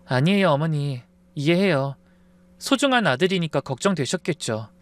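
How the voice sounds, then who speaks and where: A man voicing an evasive, polite young fiancée who talks softly and apologetically in a story. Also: on the high side, lively intonation, normal speed, close to an everyday voice. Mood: gentle. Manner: soft, pleading, apologetic.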